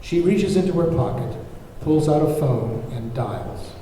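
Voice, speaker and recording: This narrator at a screenplay table read has a warm, expressive voice that sits a little high, and he reads scene descriptions and stage directions at a measured pace. The sound is very echoey, with a distant mic and faint noise.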